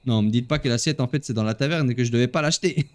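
A man's voice: mid-range voice, very fast, darkish tone. A man hosting a gaming video, chatting casually to viewers as he plays and laughing at himself. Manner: chatty, talks straight to viewers while playing. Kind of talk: casual gameplay commentary.

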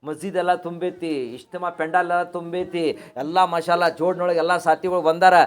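Male preacher, rather high voice, rhetorical sermon delivery. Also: level tone, a little fast, smooth. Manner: rhetorical questions answered himself, chants verses.

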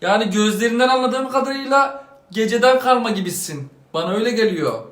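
A man's voice: very high voice, expressive, brisk, a bit bright. A man playing a stern, preachy middle-aged father who scolds his grown son in an exasperated, moralizing way. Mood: scolding. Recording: echoey room, faint music behind.

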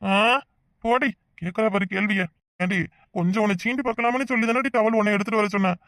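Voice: medium pitch, fairly even intonation, fast, a bit bright, no echo, clean studio sound, close to an everyday voice. A voice actor playing a hot-tempered, easily flustered young village husband in a cartoon comedy, with a Tirunelveli Tamil accent and scolding, exasperated rants.

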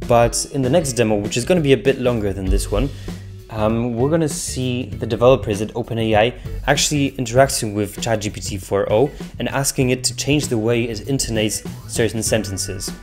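A chatty male host talks over tech demos at a middling pitch. He tosses in joking asides, and a faint guitar track plays behind him. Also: brisk, a little mellow. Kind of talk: casual commentary.

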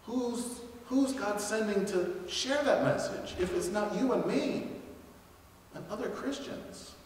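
A male pastor preaches in a loose, chatty way, slipping into short acted-out exchanges and laughing at his own asides. His voice sits high. It rings through a big, reverberant church sanctuary. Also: takes it slowly, a little hiss or hum. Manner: conversational, acts out little dialogues, chuckles at own jokes. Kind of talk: sermon. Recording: echoey church hall, mic at a distance.

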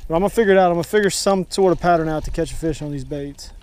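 A young man with a fairly high voice narrates his fishing trip, chatting straight to viewers from his kayak on an open lake. He gets excited and quick whenever a fish bites. The sound comes from a head-mounted action camera, with a faint hiss of wind and water behind him. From Texas. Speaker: fishing vlogger. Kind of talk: casual first-person fishing commentary.

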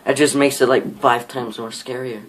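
A man's voice: mid-range voice, fairly even intonation, moderate pace, fairly bright tone. A man vlogging at home on a handheld camera, rambling with fillers and sounding easily frightened. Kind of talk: casual vlog reaction. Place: indoors at home, in a dim room. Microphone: handheld camera mic.

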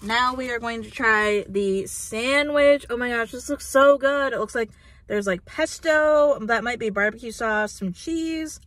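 In a dry recording from a dashboard phone camera, a woman in her twenties reviews food inside a parked car. Her voice is on the high side and fairly bright, unhurried, and she talks chattily with lots of "like" and "um."

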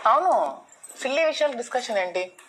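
A woman talks quickly and firmly, laying out her side and scolding the others. Her pitch sits a little high. Faint room noise hums underneath. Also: big pitch swings, a bit bright. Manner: scolding, explaining. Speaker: reality show contestant. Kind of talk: heated household argument.

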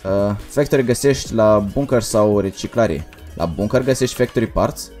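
Fast-talking gaming streamer. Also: male voice, lowish voice, soft background music. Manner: fast, energetic talk, reading chat aloud. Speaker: gaming livestreamer. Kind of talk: casual livestream commentary.

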